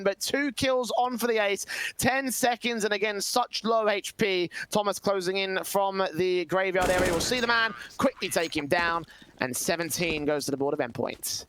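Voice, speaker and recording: High-voiced male esports caster. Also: noisy background. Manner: rapid, rising to excited shouts at big plays. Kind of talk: play-by-play commentary.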